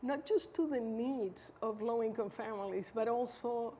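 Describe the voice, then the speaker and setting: Measured Chilean-born woman, slightly high voice. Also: mellow. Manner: thoughtful, measured, with frequent fillers and restarts. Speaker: interview guest, social entrepreneur. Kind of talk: conversational interview answers. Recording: faint background noise.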